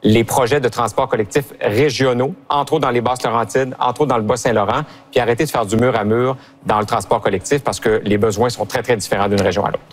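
A man's voice: mid-range voice, steady tone, quick pace, hardly any pauses. A man, a party leader in a televised debate who speaks in punchy lists.

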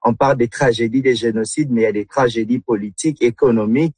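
A man from the Democratic Republic of the Congo speaks as a guest in an interview. His voice is a little husky and sits at a middle pitch. He talks earnestly, stopping often and repeating words as he searches for them, in a dry, close sound. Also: quick pace, a little mellow, no echo. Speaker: guest, literary club member. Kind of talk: radio interview.

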